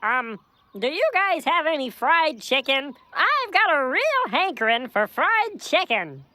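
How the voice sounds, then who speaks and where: Dopey drawling cartoon soldier, sharp tone, slow. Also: high voice, very animated, no room sound, full character voice. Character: dim, hungry soldier vegetable.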